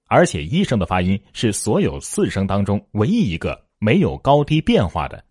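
Man teaching tones with swooping pitch. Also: breathy edge, no echo, studio quality. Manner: leads repeat-after-me drills, sings out tones. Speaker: Mandarin pronunciation teacher. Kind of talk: spoken lesson with demonstrations.

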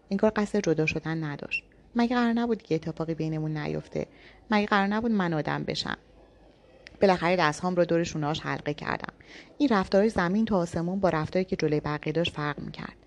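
A woman reading a novel aloud in the first person, with even, intimate storytelling. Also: lowish voice. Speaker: audiobook narrator.

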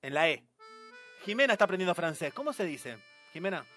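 A man's voice: high-pitched, soft background music. A man with an Argentine accent hosting a radio show, teasing his co-hosts in joking studio chat. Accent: Argentine Spanish. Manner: teasing, quick, animated. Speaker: radio host. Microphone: studio microphone.

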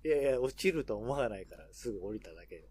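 A man's voice: medium pitch, breathy edge, no room sound. A Tokyo-born man in his thirties, chatting casually as a radio show host, joking and acting out quoted voices. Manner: fast, animated, puts on quoted voices and jokes.

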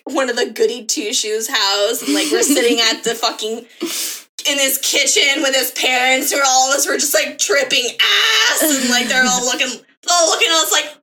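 A young American woman hosting a podcast, telling stories casually with lots of slang and swearing. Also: fairly high pitch. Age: young adult. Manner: profane, slangy, animated storytelling. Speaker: podcast host. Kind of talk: casual chat.

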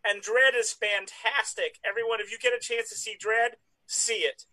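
Man with a Jersey accent, high bright voice. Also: steady tone, normal speed, no echo, poor audio. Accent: New Jersey. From New Jersey. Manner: emphatic recommending. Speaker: panelist. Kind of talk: casual chat.

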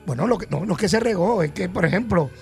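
A Puerto Rican man hosts a radio talk show, trading gossip with his co-hosts. His voice sits high and has a gravelly edge. Faint music plays behind him. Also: quick pace. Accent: Puerto Rican Spanish. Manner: animated, teasing, breaks into laughter.

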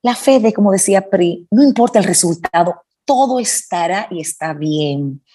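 A woman's voice: mid-range voice, expressive, normal speed, warm tone, husky. A middle-aged woman co-hosting a podcast, telling a heartfelt, rambling personal story of faith from her bedroom at home and correcting herself as she goes. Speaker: podcast co-host. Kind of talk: casual faith testimony.

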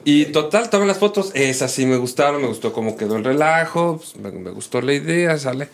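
A man with a Mexican accent casually telling friends about his photography business, in relaxed slang with many fillers. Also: fairly high pitch, brisk, creaky. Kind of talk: casual podcast chat.

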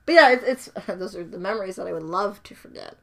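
A woman's voice: medium pitch, expressive, fast talker. A woman telling personal stories in a casual chat, laughing often and using many fillers.

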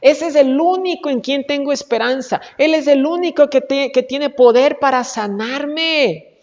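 A woman's voice: sits high, measured pace, voice pushed up. A woman playing a desperate blind beggar man. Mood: hopeful. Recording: echoey hall, dull sound.

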